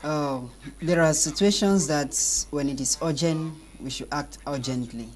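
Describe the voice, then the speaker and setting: A man's voice: a little high, measured pace. A man arguing insistently as a panelist in a studio debate, talking over the host. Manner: insistent, interrupting.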